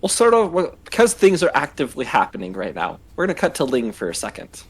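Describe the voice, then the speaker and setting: A man running a tabletop game as game master, relaxed and laughing often, with hesitant fillers. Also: on the high side, fast talker, slightly rough, dry recording.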